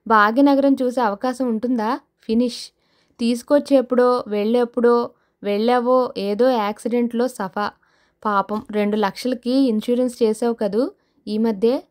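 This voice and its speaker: A sinister anonymous caller in a storybook thriller, mocking and menacing as the threats are laid out slowly over the line, as a woman narrator puts the voice on. The voice sits fairly high and keeps its taunting edge. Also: fairly even intonation, lightly acted.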